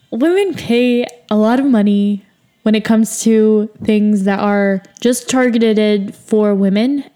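A woman's voice: mid-range voice, dark tone. A young woman from the United States hosting a solo podcast, talking casually and candidly with lots of filler words. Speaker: podcast host.

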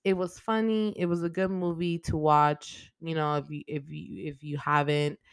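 A young woman hosting a casual podcast, recapping a movie in a profane, animated way with lots of "like". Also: sits low, normal speed, smooth, no room sound. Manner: profane, animated retelling with frequent "like". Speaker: podcast host.

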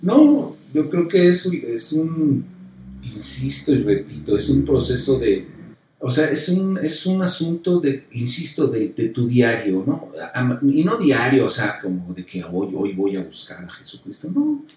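A man from Mexico with a Mexican accent, a pastor in a casual conversation about faith, animated and repeating himself as he acts out quotes. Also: mid-range voice, measured pace. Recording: very echoey room, distant mic.

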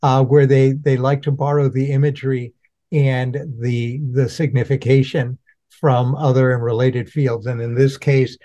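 A man's voice: mid-range voice, level tone, measured pace, dark tone. Wisecracking man on a dull lo-fi mic. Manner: wordy, dry wisecracks. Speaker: podcast co-host. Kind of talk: casual podcast chat. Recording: dull lo-fi sound.

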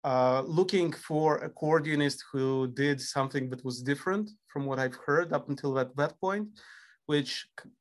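A man's voice: a little high, moderate pace. A man from a former Soviet country hosting a podcast interview, introducing his guest with admiration. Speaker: podcast host.

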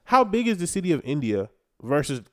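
A young American man in casual podcast conversation. He talks like a frat bro, with plenty of slang and swearing. His delivery turns animated and incredulous as he riffs. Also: fairly high pitch, a little fast. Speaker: podcast guest.

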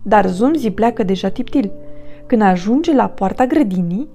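A woman reads a children's audiobook in a gentle storytelling way. Her voice is mellow and dark with a gravelly edge, and faint music plays beneath her. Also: mid-range voice, expressive. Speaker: narrator.

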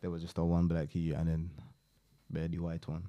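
A man's voice: low voice, completely flat delivery, a little fast, warm tone, no room sound, highs cut off. A young man with a London roadman accent, chatting casually and using street slang. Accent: London roadman, multicultural London English. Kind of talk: casual slangy chat among friends.

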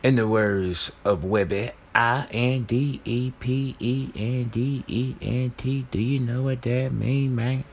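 A man hosting a podcast in casual, slangy chat, drawling and swearing freely between songs, with a sleepy-sounding voice. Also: fairly low pitch. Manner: calls himself sleepy-voiced. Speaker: podcast host.

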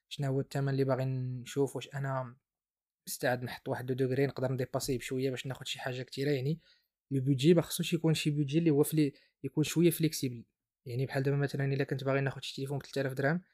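A man's voice: mid-range voice, darkish tone. A man with a Moroccan Arabic accent hosting an informal explainer podcast, mixing French terms into his speech. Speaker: podcast host.

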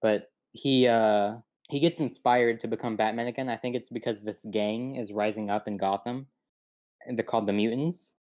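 A man's voice: lowish voice, fairly even intonation, normal speed. A young man chatting casually, rambling and laughing at himself as he loses his train of thought, on a dull lo-fi recording. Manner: rambling, laughing, self-deprecating. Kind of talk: casual chat. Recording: dull lo-fi sound.

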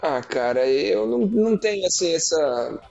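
A man reads a follower's story aloud in a relaxed podcast chat, hamming it up with soap-opera drama. His voice sits a little high. The recording is a bit muffled, with faint music underneath. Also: moderate pace, creaky.

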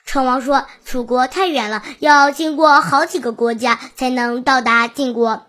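A woman reading a classical history story aloud, first the old text and then its modern translation, in an even, measured storybook manner. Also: high voice. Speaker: reader.

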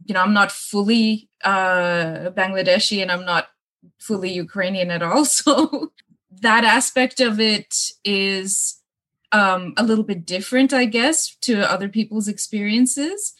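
A young woman from Kuwait with a mixed, hard-to-place accent speaks unhurriedly in a mid-range, slightly bright voice. She's a casual interview guest who laughs a lot and uses many fillers, talking from a bungalow room with books at her parents' home.

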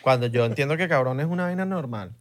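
A Venezuelan man in casual chat, telling an anecdote in an animated way. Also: mid-range voice, fast talker. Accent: Venezuelan Spanish.

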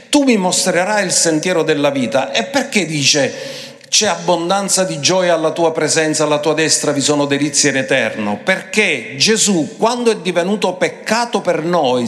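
A man preaching a sermon emphatically, switching between quick phrases and slow, drawn-out ones. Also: on the high side, a bit bright. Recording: long hall reverb.

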